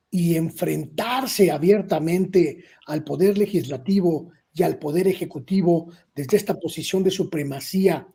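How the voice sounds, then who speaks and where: A man, a guest journalist giving measured, emphatic political commentary with filler pauses. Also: a little high, mellow, husky. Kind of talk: political commentary in an online interview.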